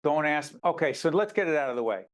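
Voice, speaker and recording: Raised in Newark, New Jersey, this male host interviews an author in a high-leaning, expressive voice, talking fast. He keeps jumping in emphatically and directs where the conversation goes.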